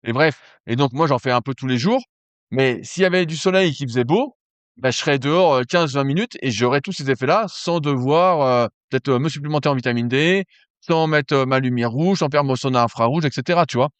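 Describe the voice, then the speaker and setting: A man co-hosting a nutrition podcast in casual chat, animated and often restarting his words. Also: medium pitch, a little fast, no echo. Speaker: podcast co-host, coach.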